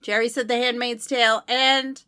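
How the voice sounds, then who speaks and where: A woman's voice: on the high side, little pitch movement, normal speed, sharp tone, smooth. A woman co-hosting a podcast, reading trivia clues aloud and scoring the answers in a casual chat. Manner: reads clues aloud and scores answers, laughing often. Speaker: podcast co-host running a trivia game.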